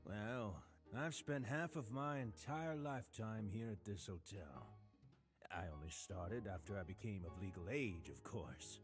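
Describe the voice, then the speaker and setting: Casting: courtly, unsettling game bartender, lively polite lilt, faint music behind. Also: male voice, on the low side, unhurried. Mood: genteel. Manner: genteel and polite, oddly eager. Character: suave, courteous male hotel bartender who collects ears. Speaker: game character.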